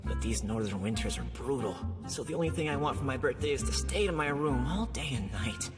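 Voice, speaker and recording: A woman's voice: very deep voice, animated, fairly quick, over music. A woman voicing a lazy teenage boy wizard in an anime English dub, with sarcastic, grumbling asides.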